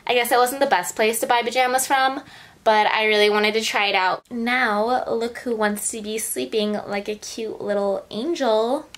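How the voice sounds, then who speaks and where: Woman vlogger, slightly high voice, chatty and gushing, casual haul-video delivery. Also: fairly even intonation, moderate pace, a bit bright. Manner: chatty and gushing, with frequent "like" and "oh my gosh". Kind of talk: casual try-on haul vlog.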